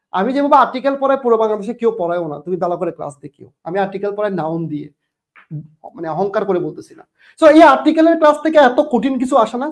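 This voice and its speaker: A man's voice: high voice, a little mellow. Informal man lecturing English grammar. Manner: informal, rhetorical questions, repeats points, colloquial. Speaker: English teacher. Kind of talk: online admission-prep lecture.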